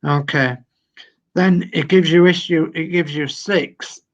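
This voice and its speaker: Slow-talking older Yorkshire man. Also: on the high side, fairly even intonation, highs cut off. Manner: slow, patient, reads instructions aloud step by step. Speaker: model-building guide. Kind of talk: casual video-call build session.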